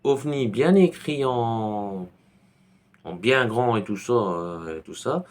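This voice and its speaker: A man's voice: mid-range voice, expressive, takes it slowly. A man from Belgium with a Belgian French accent, casually recommending books with a rambling manner and many hesitations. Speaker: YouTuber reviewing books.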